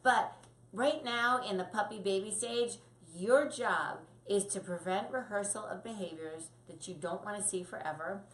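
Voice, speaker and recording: A woman dog trainer talks through puppy training tips in a casual, lively way. Now and then she acts out a quick voice for the puppy or the owner. Her voice sits at a middle pitch and rings with a roomy echo.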